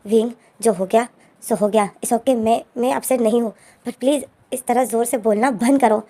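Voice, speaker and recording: A woman voicing a shy, embarrassed young male student who pleads quietly, in her own storytelling voice. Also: very high voice, fairly even intonation, moderate pace. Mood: pleading. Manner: hushed, pleading.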